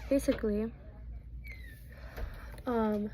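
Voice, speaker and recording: A woman's voice: fairly high pitch, steady tone, very slow, dark tone, slight background noise, rough recording. A teenage girl chatting casually through a storytime while doing her makeup, rambling with lots of fillers and restarts. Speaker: vlogger.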